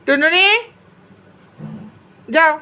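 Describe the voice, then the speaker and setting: A young woman from Bangladesh speaks to her pet cats in a high, doting baby-talk voice. She coaxes them gently and switches to firm scolding when they misbehave. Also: very slow. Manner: coaxing, doting and scolding by turns. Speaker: cat owner vlogger.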